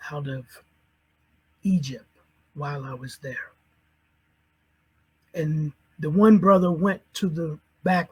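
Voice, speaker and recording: A middle-aged man from St. Louis tells his personal testimony in a husky, slightly breathy voice. He pitches high for a man and talks earnestly. He carries the story by quoting back and forth what each person said. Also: darkish tone, poor audio. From St. Louis, Missouri, USA. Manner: earnest, recounts conversations in quoted dialogue. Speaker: convert telling his story.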